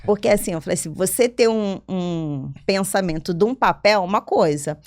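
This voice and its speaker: A businesswoman being interviewed, telling her story in a lively, conversational way, often acting out her own quoted lines and asking "entendeu?". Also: medium pitch, moderate pace. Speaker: interview guest, business owner.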